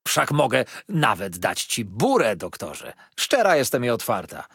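Storybook old busybody mother-in-law, shrill and gushing, read by a man, husky, very swoopy. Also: huge pitch swings, a little slow, fairly bright tone, no room sound, clean studio sound, heavily acted.

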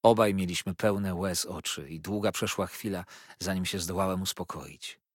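A man narrating a novel in a measured, storytelling reading. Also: low-pitched, no room sound, studio quality. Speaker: audiobook narrator. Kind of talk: scripted literary narration.

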